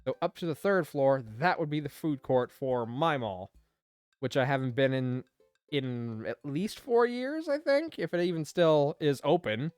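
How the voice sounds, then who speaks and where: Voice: medium pitch, expressive, a little slow, a little mellow, clear, resonant tone, dry recording, soft background music. A streamer playing a dating game, reading the dad's lines and making chatty, rambling asides. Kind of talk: let's play commentary and reading.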